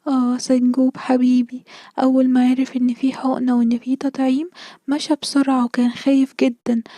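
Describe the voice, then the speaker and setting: A woman's voice: sits high, completely flat delivery, brisk, dark tone, dry recording, close to an everyday voice. A woman voicing a loving but firm mother squirrel with an Egyptian Arabic accent, coaxing and motherly.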